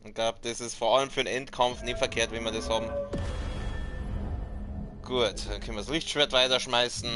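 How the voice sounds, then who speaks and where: A man's voice: medium pitch, steady tone, moderate pace, pauses often. A man giving casual gaming commentary, slangy, cocky and given to swearing. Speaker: let's player. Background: game music and effects.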